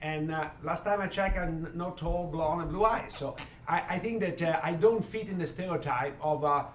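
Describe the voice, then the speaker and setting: A man with a thick foreign accent and a slightly high voice answers in a halting way, searching for his words. He sounds like a professor in a live discussion, picked up from a distance in an echoey room. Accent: strong foreign accent. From immigrant, from abroad. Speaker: university professor, event host. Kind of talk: panel discussion, answering audience questions. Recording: echoey room, distant mic, faint noise.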